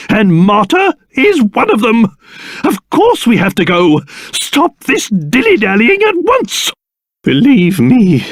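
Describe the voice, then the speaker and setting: Posh british old king for a video game, blustery and excitable, draws words out slowly, really dry studio sound. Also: high-pitched, dry recording, exaggerated voice. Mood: indignant, blustering, then grave, exasperated. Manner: theatrical, blustering, old-fashioned posh phrasing. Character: pompous, excitable, fatherly old king, easily outraged. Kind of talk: video game character voice acting.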